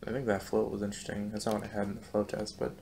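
A young adult man who creates rap battles talks casually in a behind-the-scenes vlog, speaking into a studio condenser mic in a small, echoey bedroom. His low, monotone voice has vocal fry and races along, loose and self-critical, with plenty of swearing. A faint hiss of room noise lies underneath.

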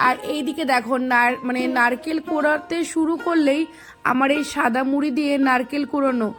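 Hoarse high-voiced woman vlogging. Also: fairly even intonation, a little fast, fairly bright tone, soft background music. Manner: chatty, addresses viewers directly. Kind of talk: casual vlog narration. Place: family home, in and out of doors.

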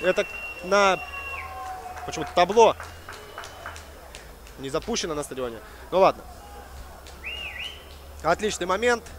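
High-pitched male football commentator. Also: animated, unhurried, pauses often, a bit bright, a little hiss or hum. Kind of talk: live sports commentary.

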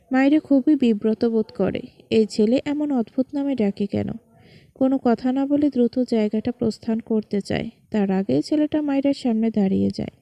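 A woman reads a romantic story aloud in a dark, mellow voice pitched a little high. The sound is close and dry, with no room around it. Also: dry recording. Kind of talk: scripted story narration.

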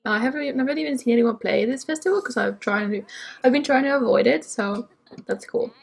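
A woman's voice: on the high side, brisk, vocal fry, breathy edge. A young woman casually chatting through her game as she plays, rambling and talking to herself with lots of ums. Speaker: let's play gamer. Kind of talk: casual gameplay commentary.

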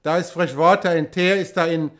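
A man reading an audiobook, voicing rough fishermen who mumble evasive answers in a broken mix of dialect. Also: on the high side, fairly even intonation, fairly quick, fairly bright tone, natural voice.

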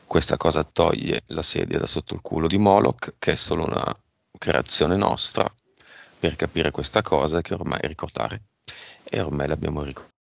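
Deep gravelly man leading a session. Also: fairly even intonation, no echo. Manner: brisk, directive questioning. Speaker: hypnosis session leader. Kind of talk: guiding an esoteric hypnosis session. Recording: dull lo-fi sound.

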